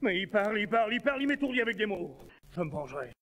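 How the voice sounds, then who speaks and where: A man reading a fairy tale aloud, voicing a vengeful, resentful brute in a fast, raised put-on voice. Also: sits high, sing-song, fairly bright tone, voice pushed up. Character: vengeful brutish man, Big Claus.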